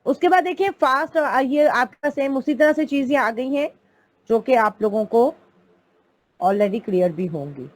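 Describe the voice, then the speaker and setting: A woman's voice: high-pitched, lively intonation, unhurried. A woman teaching an online English grammar class, explaining patiently step by step and calling her students "beta".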